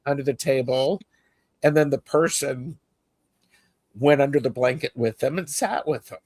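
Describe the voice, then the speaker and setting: A man's voice: medium pitch, normal speed, darkish tone, dry recording. A man hosting a casual spiritual discussion, telling personal stories earnestly, getting emotional at times.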